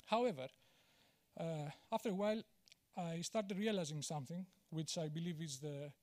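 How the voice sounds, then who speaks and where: Man giving a conference talk, high voice. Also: moderate pace, a little mellow. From Greece. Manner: candid, self-deprecating, many "uh" fillers and restarts. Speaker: conference speaker. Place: large auditorium on stage. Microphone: handheld mic.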